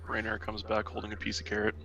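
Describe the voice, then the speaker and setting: A man's voice: fairly low pitch, monotone, fast, gravelly, pushed and bright, slight background noise, poor audio. A man playing a tabletop role-playing game, chatting casually in and out of his role. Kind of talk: casual role-play chat.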